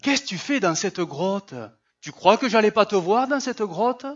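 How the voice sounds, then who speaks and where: A man's voice: high voice, expressive, normal speed, lo-fi sound, voice pushed up. A man voicing God as a startled, questioning figure in a sermon retelling, asking incredulous rhetorical questions. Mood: astonished. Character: God, gently questioning, feigning surprise.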